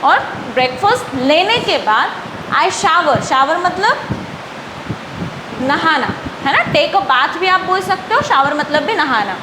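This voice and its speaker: A woman with a very high voice teaches a beginners' English class, asking a question and then answering it herself. The room echoes and a steady noise runs underneath. She explains each point patiently. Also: unhurried. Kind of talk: classroom lesson, Hindi with English.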